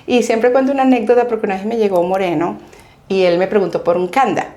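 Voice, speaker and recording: A woman from Venezuela with a Venezuelan accent, a guest telling her story in a conversational interview, animated and laughing as she recounts anecdotes. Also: mid-range voice, quick pace.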